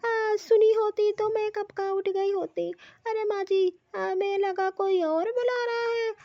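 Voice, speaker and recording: A woman's voice: extremely high pitch, steady tone, a little slow, warm tone. A woman voicing a lazy, grumbling middle-aged mother-in-law in a cartoon, whining and making excuses. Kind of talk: cartoon voice acting. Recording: slightly dull lo-fi audio.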